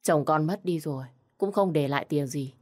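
A woman voicing a gentle, sorrowful young mother in a spoken story, talking softly and tearfully. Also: low-pitched, moderate pace.

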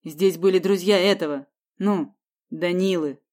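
A woman's voice: fairly low pitch, unhurried, darkish tone, close to an everyday voice. A woman voicing a sullen young man who grumbles his answers. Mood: grumbling.

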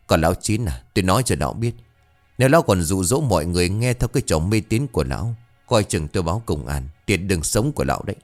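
Man doing greedy stubborn old dad, yells and sneers, deep voice, faint music behind. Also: lively intonation, fast talker. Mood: furious. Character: stubborn, greedy, hot-tempered old village father.

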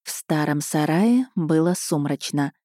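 A woman narrating a novel as a scripted audiobook, in a measured, even storytelling manner. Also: sits low, dry recording, clean studio sound.

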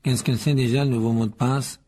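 A man voicing a sneering, arrogant pure-blood boy wizard, scornful and gloating in a raspy voice. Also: mid-range voice, steady tone, a little fast, warm tone, natural voice. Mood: scheming.

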